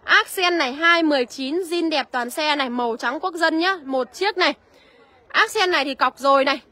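A woman selling used cars on a live walkaround, listing prices briskly and calling out to viewers by name. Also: sits high, pushed and bright. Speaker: used car seller.

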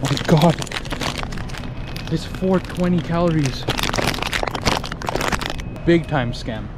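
A young man in casual vlog chat, excitable and chatty, talking to a handheld camera in a store and a parked car. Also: a little high, very slow. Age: young adult. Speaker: fitness vlogger. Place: grocery store, then parked car at night. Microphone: handheld camera at arm's length. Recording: noisy background.

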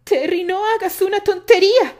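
A woman's voice: very high-pitched, moderate pace, darkish tone, pitched above the performer's own voice. A woman voicing a stubborn, spirited young woman in a storybook romance. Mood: pleading shout. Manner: cries out.

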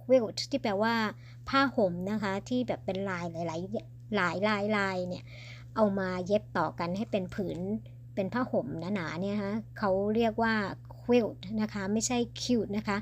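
A woman teaching English pronunciation in a slow, patient way, spelling words out letter by letter. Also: medium pitch, slight background noise. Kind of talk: slow spoken vocabulary lesson.

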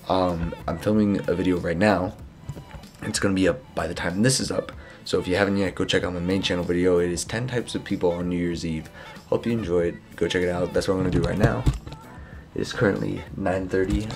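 Freshly awake, groggy and hoarse, this young man vlogs casually to a camera held at arm's length, rambling and filling space as he moves from his bedroom into his car. He has a deep, slightly mellow voice.

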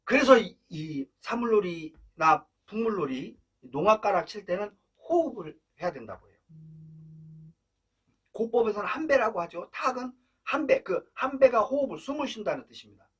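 A man's voice: sits high, very animated, normal speed, breathy edge. A man teaching traditional Korean drumming step by step, counting beats aloud, chanting drum syllables, and coaxing learners to breathe and not rush. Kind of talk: step-by-step instrument lesson. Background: drum playing.

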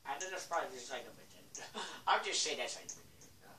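A woman's voice: deep voice, animated, fast talker, bright, forceful tone. A woman hosting a gaming channel, giving playful, giggly commentary while she plays. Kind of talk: casual game commentary. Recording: echoey room, distant mic, faint hiss.

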